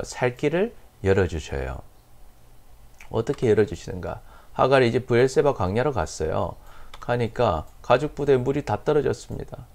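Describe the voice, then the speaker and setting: Male pastor, sermon, gravelly voice, animated pitch, rhetorical questions and blessings. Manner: rhetorical questions answered himself; repeated blessing formulas.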